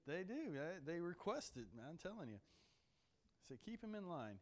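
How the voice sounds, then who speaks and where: A man's voice: high voice, sing-song, moderate pace. A man preaching a sermon, reading scripture aloud and breaking off into folksy, joking asides, often repeating his words.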